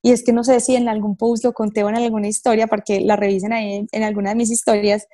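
This woman, a mother and wellness therapist, is a guest recounting her own life story. She talks earnestly at a medium pitch with a level, warm tone, using lots of fillers and slow pauses.

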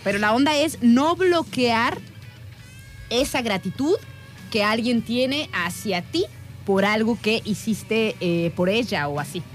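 A woman's voice: a little high, expressive, slow pace, soft background music. A woman with a Mexican accent co-hosting a show, playful and chatty in casual conversation. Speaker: co-host. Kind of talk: casual chat.

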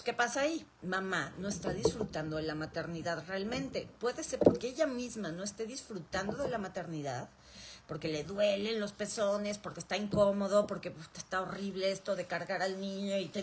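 A woman's voice: medium pitch, slight background noise. A woman giving an informal spoken lecture, explaining through rhetorical questions and repetition. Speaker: speaker on emotional roots of illness.

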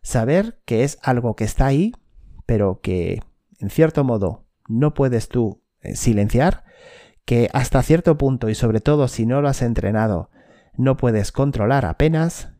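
A man's voice: medium pitch, lively intonation, unhurried, dark tone. A man, a mental coach for athletes, giving a direct instructional talk to the listener and checking in with "okay?". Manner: direct, addresses listener, tags points with "okay?".

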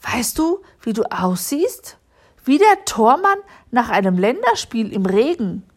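A woman voicing a loud, shrill middle-aged mother who scolds her son. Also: sing-song, a little slow. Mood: fond. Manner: shrill, raised voice.

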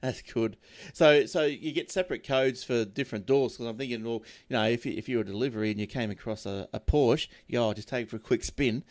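A man's voice: mid-range voice, fast, few pauses. A man with an Australian accent hosting a tech talk show in casual, unscripted chat, easygoing and agreeable.

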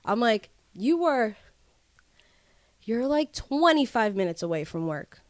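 A woman's voice: fairly high pitch, measured pace, no room sound. A woman, co-hosting a podcast and telling stories in casual chat, acting out the dialogue. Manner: animated storytelling, acts out quoted dialogue. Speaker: podcast co-host.

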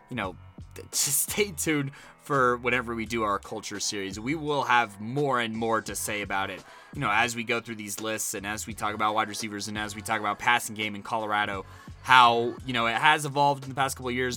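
Man, American accent, casual sports analysis, discursive, bright forceful voice, faint music underneath. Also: medium pitch.

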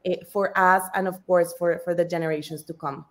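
A woman's voice: on the low side, fairly even intonation, brisk. A woman from Colombia in her thirties, a podcast guest telling her story earnestly with a few restarts. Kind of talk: podcast interview.

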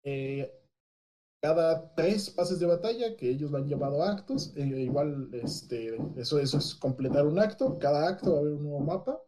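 A man's voice: a little high, lively intonation, moderate pace, warm tone. A man giving a casual, hesitant, explanatory gaming news report as a podcast co-host.

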